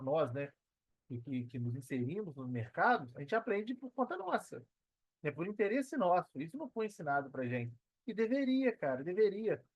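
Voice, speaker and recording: Heard with no room sound, a Brazilian man with a fairly high-pitched voice speaks as a podcast guest. A digital entrepreneur, he keeps the interview casual and slangy while being earnest and emphatic, often repeating phrases for emphasis.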